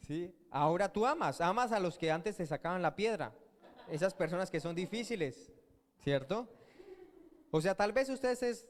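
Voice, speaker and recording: A man preaching a sermon as pastor, often asking his congregation questions and answering them himself. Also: fairly high pitch. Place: church hall. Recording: long church-hall reverb.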